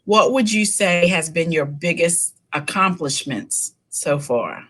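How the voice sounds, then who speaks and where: A woman's voice: fairly low pitch, expressive, slow pace, a bit bright. A woman interviewing a guest, asking questions in a friendly, affirming way. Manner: friendly, affirming with short replies.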